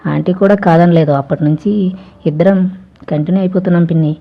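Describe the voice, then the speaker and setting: A woman's voice: lowish voice, fairly even intonation, fast talker. A woman voicing a bashful young man of twenty who pleads and coaxes, in a dull lo-fi recording. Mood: sheepish pleading. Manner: coaxing, sheepish.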